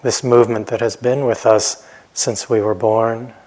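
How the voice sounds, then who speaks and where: A meditation teacher with a low, husky voice leads a guided meditation slowly and at a level tone. He is gentle and unhurried, leaving long pauses between phrases.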